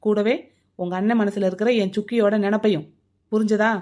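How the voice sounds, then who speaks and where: A hot-headed young cartoon man who speaks bluntly and stubbornly, voiced with a slightly raised pitch. He argues in a heated, scolding way. His temper comes out in every line. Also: little pitch movement, fairly quick, darkish tone, close to an everyday voice. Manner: angry, blunt.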